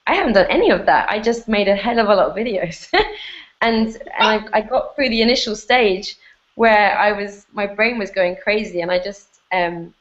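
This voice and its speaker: A woman's voice: mid-range voice, moderate pace, dull audio, slight background noise. A woman guest on an online hangout, chatting casually and loosely, with "like" scattered through her speech. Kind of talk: casual conversational interview.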